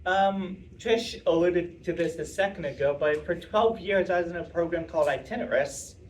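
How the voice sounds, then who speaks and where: A young man talks casually to an audience, rambling and restarting with plenty of fillers. His voice sits a little high. He is picked up from across a meeting room, with faint room noise behind him. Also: moderate pace, recorded from a distance, poor audio. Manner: chatty, rambling, self-interrupting with fillers. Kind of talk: casual talk answering audience questions.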